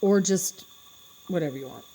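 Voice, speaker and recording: A woman's voice: on the low side, moderate pace, warm tone. A woman giving a step-by-step craft demonstration, chatting and thinking aloud as she works with her hands. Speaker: craft instructor.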